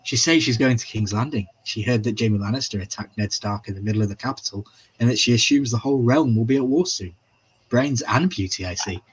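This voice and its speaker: A man in the middle of his pitch range hosts a casual live-stream, recapping an episode in loose, chatty fashion. He swears freely and breaks off to answer viewers' comments. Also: brisk, slight background noise. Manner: chatty and profane, reads chat aloud.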